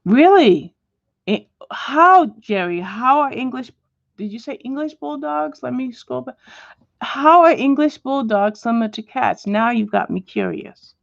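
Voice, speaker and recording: A woman hosting a home livestream as she colors. She chats with viewers and answers them by name, and now and then she drops to a soft whisper. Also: sits high, expressive, measured pace, gravelly, no room sound, dull audio. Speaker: livestream host. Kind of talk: casual chat while coloring, reading viewer comments. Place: at home, indoors.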